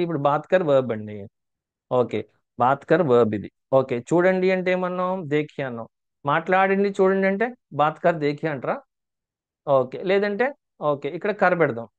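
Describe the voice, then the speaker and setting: A fairly high-voiced man leads an online language lesson. He drills each phrase again and again, quizzing and gently teasing his students. The sound is dull and lo-fi, like a web class. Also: clear, resonant tone. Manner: teasing, chatty asides to learners. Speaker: Hindi teacher. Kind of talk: online spoken Hindi lesson in Telugu.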